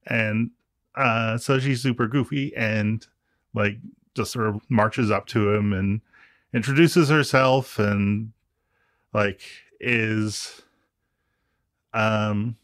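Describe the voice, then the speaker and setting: A man's voice: on the low side, steady tone, slow pace, long pauses, a bit bright, no room sound, studio quality. A man in his forties co-hosting a podcast, chatting casually about a book in a wry, rambling way that keeps interrupting itself. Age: 40s. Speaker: podcast co-host.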